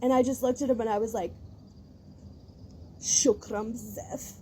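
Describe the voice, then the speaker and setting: A woman vents in a casual, rambling rant, circling back and restarting her sentences as her exasperation builds. Her voice sits a touch high but has a mellow, warm tone. Faint background noise sits behind her phone-mic recording. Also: steady tone, racing. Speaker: vlogger.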